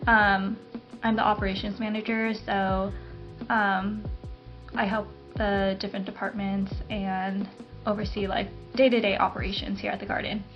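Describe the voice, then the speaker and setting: A woman co-hosting a casual podcast chats in a relaxed, easygoing way, sprinkling in fillers as she talks. Her voice sits at a medium pitch. The sound is a little dull, with faint music behind her. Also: normal speed. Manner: relaxed, chatty, many fillers. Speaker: podcast co-host, garden operations manager. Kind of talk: casual chat.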